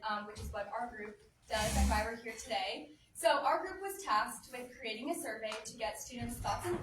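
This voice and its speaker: Young woman, student presenter, earnest and steady, distant mic, roomy echo, noisy. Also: fairly high pitch. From New Jersey, USA. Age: young adult. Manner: earnest, steady, reading through findings. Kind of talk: prepared presentation. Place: community center meeting room.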